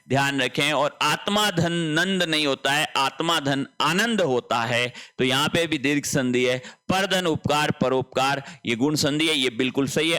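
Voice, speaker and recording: A man teaching Hindi grammar as he works through an exam paper, explaining each answer step by step and stressing key points slowly. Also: medium pitch, sharp tone, clear, resonant tone. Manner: explains step by step, often repeating "dhyan rakhen". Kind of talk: exam paper solution lesson.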